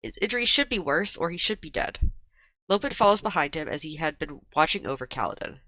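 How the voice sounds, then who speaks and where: A woman's voice: sits low, lively intonation, fast talker, bright, forceful tone, no room sound, low-quality recording. A woman hosting a casual book podcast while sick, her voice strained, recapping chapters and chatting with her co-hosts. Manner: reads the recap steadily, with frequent laughs in the banter. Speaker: podcast host.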